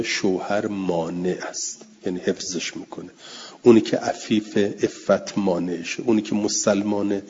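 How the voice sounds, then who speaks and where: A low-pitched man with a dark, mellow voice leads a classroom lesson on a religious text. He reads Arabic lines and then explains them, pausing on key words and going over them again. The recording is dull and lo-fi, with faint noise behind him. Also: in a large hall. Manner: repeats and spells out key words slowly. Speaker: religious teacher.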